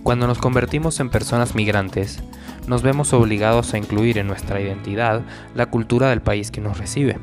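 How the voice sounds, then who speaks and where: Male narrator, calm formal read, music underneath. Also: mid-range voice, moderate pace. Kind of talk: scripted narration.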